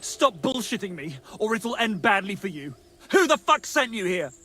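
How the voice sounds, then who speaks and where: An actor playing a menacing, panicky medieval hostage-taker in a video game, threatening and agitated, swearing coarsely. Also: male voice, sits high, big pitch swings, moderate pace, bright, forceful tone, exaggerated voice. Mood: angry, threatening. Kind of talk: dramatic video game acting.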